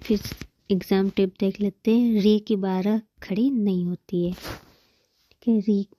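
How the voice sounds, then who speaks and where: A woman's voice: medium pitch, steady tone, unhurried, mellow, slight background noise. A woman teaching a Hindi grammar lesson, patiently explaining terms, repeating them and counting examples aloud.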